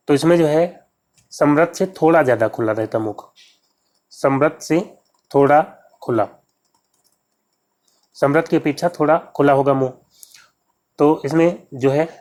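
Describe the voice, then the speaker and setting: A man in a mid-pitched voice leads an exam-prep lesson. He steps through each practice question, explaining patiently and repeating the key terms. His way of talking is steady and instructional. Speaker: Hindi exam tutor.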